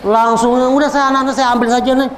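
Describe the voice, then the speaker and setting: A woman's voice: flat delivery, quick pace, in a large hall, a little hiss or hum, natural voice. A male preacher acting out an angry mother who complains indignantly about her child's boarding school. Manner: shrill, indignant.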